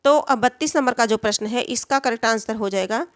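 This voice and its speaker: A woman's voice: a little high, fairly quick, no room sound, clean studio sound. A woman teaching a Hindi spelling exam lesson, who repeats each answer and asks and answers her own questions.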